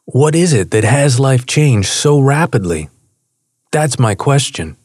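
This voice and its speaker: A man's voice: medium pitch, expressive, takes it slowly, a little mellow, dry recording, clean studio sound, pitched above the performer's own voice. A man voicing an earnest middle-aged man who asks direct questions.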